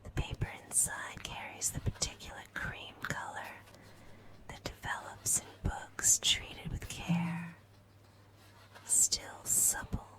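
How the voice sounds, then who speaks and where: A woman narrating a scripted story as ASMR in a breathy whisper, with measured phrasing and pauses. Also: very high voice.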